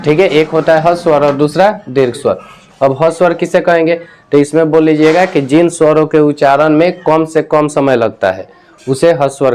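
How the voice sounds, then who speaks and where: A male tutor leads a coaching class, his voice sitting a little high. He explains patiently in an informal way, repeats each definition and keeps checking that his students follow. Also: darkish tone. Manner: repeats key definitions, checks in with "theek hai". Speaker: Hindi grammar teacher. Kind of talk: classroom lesson at a board.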